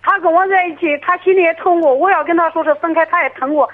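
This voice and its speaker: High, fast, halting woman on a tinny phone line. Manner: halting, hesitant, restarts often. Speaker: caller. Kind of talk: phone-in to an advice show.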